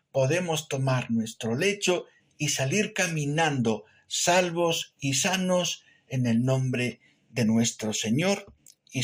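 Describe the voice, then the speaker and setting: Guy preaching a sermon, slow and deliberate, swoops up and down a lot, says amen constantly. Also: medium pitch. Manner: earnest preaching, repeated amens, tag questions. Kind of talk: sermon meditation.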